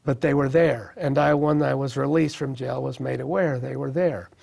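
A middle-aged man telling a personal testimony in an earnest, reflective way, with halting restarts. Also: medium pitch, steady tone, vocal fry, warm tone, slightly rough. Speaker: speaker sharing a personal testimony. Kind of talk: personal storytelling.

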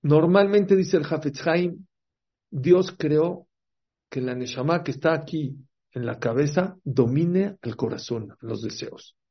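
A man teaching a Torah class as a rabbi, telling stories lively and asking his listeners questions. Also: fairly high pitch. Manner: lively storyteller, acts out quotes, asks the audience questions. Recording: dull lo-fi recording.

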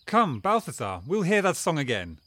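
In a stage play, an actor voices a genial, commanding prince who teases his singer and plots with his friends in courtly, playful speech. His voice is fairly high and sharp with huge pitch swings, at normal speed and heavily acted, with no room sound.

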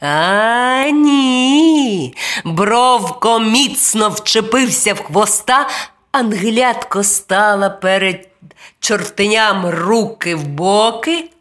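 A woman narrating a children's storybook in a gentle, expressive way. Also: medium pitch, takes it slowly.

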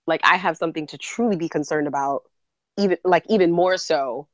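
A woman's voice: low voice, fairly quick, dry recording, muffled recording. A woman co-hosting a podcast, talking candidly and reflectively in casual chat, laughing often. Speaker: podcast co-host.

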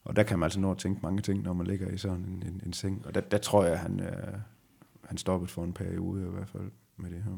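A middle-aged man speaks in a deep, gravelly voice with a husky edge, recalling his racing years in a halting, reflective way. His pitch stays low and level throughout the conversation. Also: flat delivery, mellow. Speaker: retired rally driver as guest. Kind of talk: conversational interview.

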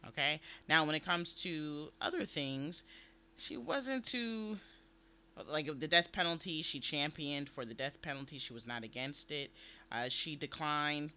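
A man's voice: fairly high pitch, animated, unhurried, bright, forceful tone, clean tone. A man co-hosting a podcast, talking casually about politics, laughing often and acting out what people say. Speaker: podcast co-host.

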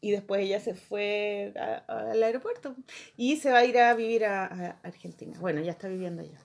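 A young woman with a Chilean accent, hosting a podcast and telling an animated story full of voices and laughter. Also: mid-range voice, a little fast, vocal fry. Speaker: podcast host. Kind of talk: casual chat.

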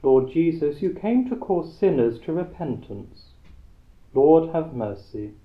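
A man leading Mass as a priest, reciting prayers in a solemn, measured way with a cathedral echo. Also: a little high, big pitch swings. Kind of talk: liturgical prayer, chanted-like recitation. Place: large church. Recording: tinny, echoey church recording.

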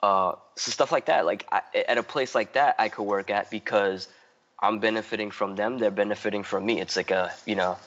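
A man talking as a podcast guest in a relaxed, loose ramble. His voice sits a bit low. He leans on "like" constantly, restarts his sentences and swears casually. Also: fairly quick, lo-fi sound. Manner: rambling, heavy use of "like" and restarts. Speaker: guest artist.

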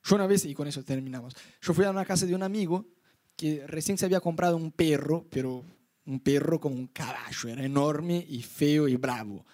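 A young man with a Rioplatense Spanish accent preaching an animated sermon to youth, acting out his stories and inner thoughts. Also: fairly quick. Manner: lively storyteller, voices his own inner thoughts in high pitch. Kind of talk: animated sermon with acted-out anecdotes.

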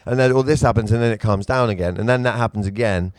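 A man's voice: lowish voice, quick pace, dry recording, studio quality. A British man, a comedian guest, telling stories in a wry, laid-back way during a casual podcast chat. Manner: wry, laid-back storyteller, swears freely. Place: indoors, seated at a table.

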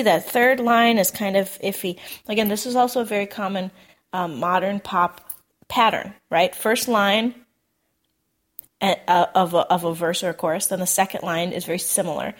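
A woman teaching songwriting, working through lyrics aloud in a hesitant, self-correcting way. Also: medium pitch.

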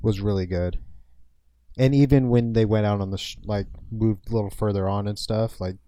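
A young man co-hosting a casual podcast, talking about a film in a halting way, restarting as he hunts for words. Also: fairly low pitch, steady tone, mellow. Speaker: podcast co-host.

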